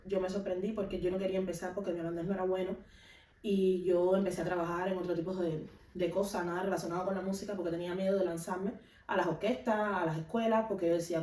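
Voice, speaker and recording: Speaking with a Cuban accent, this music teacher and vlogger from Cuba has a medium-pitched, dark voice. She chats casually with her audience, explaining and giving practical tips in an instructive manner, recorded in an echoey room from a distant microphone.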